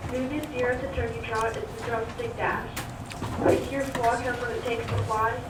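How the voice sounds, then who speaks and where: A woman's voice: on the high side, flat delivery, normal speed. A woman reading school announcements over the intercom in an upbeat, scripted way. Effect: school intercom loudspeaker. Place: classroom, heard through intercom speaker. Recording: echoey distant noisy classroom loudspeaker.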